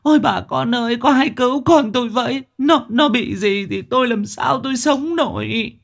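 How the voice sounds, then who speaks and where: A man voicing a blind old mother calling out and sobbing for her son, with a high, cracking voice. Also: slow. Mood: wailing.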